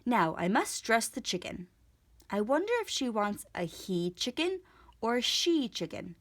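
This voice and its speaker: Woman reader playing a naive cheerful housemaid, storybook character, folksy, exclamatory, very animated intonation. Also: fairly high pitch, a little slow. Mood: amused. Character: cheerful, naive, literal-minded housemaid woman, easily delighted.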